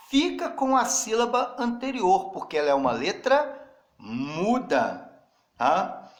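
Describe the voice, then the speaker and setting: Slow but animated, a man with a slightly high voice teaches grammar, carefully spelling out letters and speaking straight to his students. The recording carries a roomy echo.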